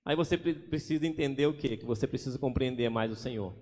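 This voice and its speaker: A man's voice: mid-range voice, fast, darkish tone, slight background noise. A man preaching a sermon as pastor, acting out little everyday scenes as he goes. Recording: long hall reverb.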